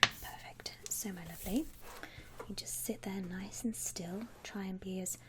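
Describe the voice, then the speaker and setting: A woman whispers an ASMR customer-service roleplay, acting as a polite, reassuring shop assistant in a soothing, breathy, unhurried manner. Her pitch is medium and her intonation fairly even.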